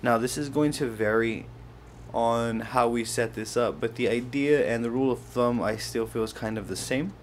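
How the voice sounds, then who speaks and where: A man hosts a casual hands-on how-to product video, walking through each step as he handles the item. His voice is mid-range at a moderate pace, with a little hiss or hum in the audio.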